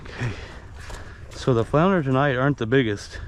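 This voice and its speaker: A man's voice: medium pitch, moderate pace. A man casually narrating an outdoor vlog in a folksy, easygoing manner. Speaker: host of an outdoor fishing and cooking vlog. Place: outdoors, by water and at home. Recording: outdoor noise, water sounds.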